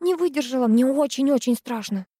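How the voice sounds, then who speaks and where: A woman voicing a timid, frightened teenage schoolgirl who pleads in a high, breathy voice. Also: lively intonation, takes it slowly, dark tone, no room sound, studio quality. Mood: scared.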